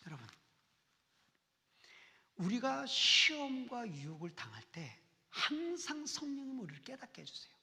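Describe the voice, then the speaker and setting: A high, bright-voiced woman preaches with fervor, her pitch leaping and falling as she moves from loud, pleading cries to near-whispers. A slight gravelly edge catches her lower notes. The sanctuary gives her voice a long, lingering reverb. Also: very animated, unhurried, pauses often. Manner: swings between loud fervent pleading and hushed whispers. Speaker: pastor. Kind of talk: emotional Sunday sermon. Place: church sanctuary.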